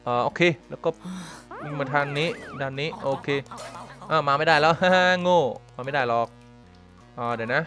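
A man giving excitable let's-play commentary, reacting with quick exclamations and repeating his words. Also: on the high side, soft background music. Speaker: gameplay commentator.

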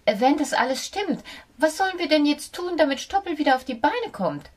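A woman's voice: sits high, very animated, normal speed, voice pushed up. A woman voicing a small, timid female mouse who stammers and trembles in an audiobook for children. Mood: pleading. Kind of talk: audiobook character voice.

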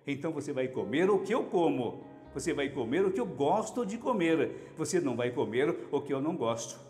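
A man's voice: a little high, sing-song, fairly quick, darkish tone. A man voicing a bossy, stingy husband in his sixties who scolds and repeats his orders. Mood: scolding. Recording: echoey hall with music underneath.

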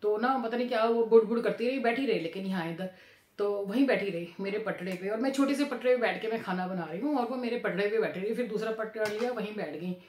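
A woman's voice: medium pitch, fast, a little mellow. A middle-aged woman vlogger telling a family story to camera in a chatty way, repeating her phrases and acting out her relatives' lines. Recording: echoey room.

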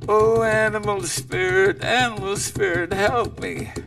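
A man's voice: on the high side, takes it slowly, gravelly, a bit bright, distant mic, soft background music, full character voice. A man voicing a hungry, unhappy male coyote who keeps wishing to be something else, in a plaintive tone. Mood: pleading.

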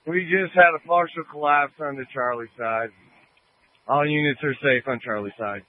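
A man's voice: fairly high pitch, normal speed. A male fire officer giving a terse radio update to command over a two-way radio. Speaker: firefighter, sector officer. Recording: noisy narrow-band fire radio.

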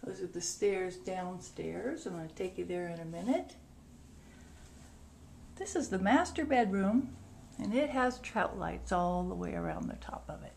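Moving through the rooms of a rental house, a woman gives an informal tour, offering brief descriptions as she walks. She speaks in a lowish, darkish voice that's animated yet a bit slow, with vocal fry. The built-in mic of her handheld camera makes the audio noisy.

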